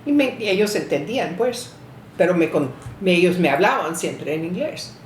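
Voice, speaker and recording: An older woman telling family memories in an interview, halting and restarting her sentences. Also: animated. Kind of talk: reminiscing storytelling. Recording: roomy echo, faint rumble.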